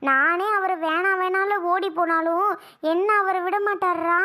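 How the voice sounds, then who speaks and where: A woman doing a shrill, furious young wife. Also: steady tone, measured pace, bright, forceful tone, full character voice. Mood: angry. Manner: shrill, scolding, exasperated. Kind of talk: cartoon voice acting.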